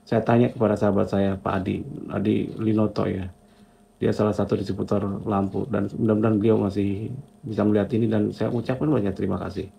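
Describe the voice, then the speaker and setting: A middle-aged man shares his own story as a motivational testimony, reflective and repetitive, speaking in short repeated phrases and closing each line with a casual filler. His voice is lowish, gravelly and mellow, delivered flatly and fairly quickly, with slight background noise.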